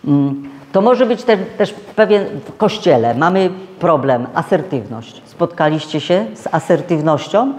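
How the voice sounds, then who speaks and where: A man's voice: lively intonation, a little slow, slight background noise. Polish-speaking man preaching in a church hall. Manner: conversational preaching, addresses the congregation directly; acts out quoted voices higher and louder. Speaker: pastor. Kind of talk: sermon.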